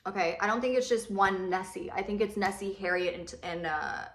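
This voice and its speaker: Young female beauty vlogger, mid-pitch, chatty and rambling, slightly echoey room. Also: brisk. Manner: rambling, chatty, swears casually. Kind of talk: casual chat while doing makeup. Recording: roomy echo.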